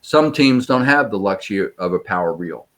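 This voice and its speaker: A man with a fairly low voice explains search techniques step by step. He talks in a practical, measured way, like an instructor answering questions. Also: lively intonation, a bit bright. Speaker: sonar search trainer. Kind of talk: interview answers.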